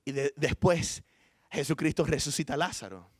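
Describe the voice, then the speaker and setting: A male pastor delivering a sermon in a lively storytelling way. His voice sits a bit high for a man and swings from hushed to loud. The sound is close and dry, with no room echo. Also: moderate pace. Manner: informal asides and self-corrections.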